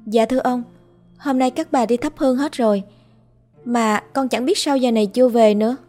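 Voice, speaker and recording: A woman voicing a timid young female servant girl in a spoken horror story, speaking humbly and begging in a high, frightened voice. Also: normal speed, dark tone, soft background music, natural voice. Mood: deferential.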